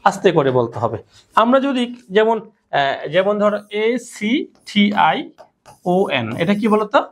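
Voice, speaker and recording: A woman's voice: medium pitch, big pitch swings, a little slow. A woman teaching pronunciation in class, drilling her students with repeated questions and call-and-response. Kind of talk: classroom lesson.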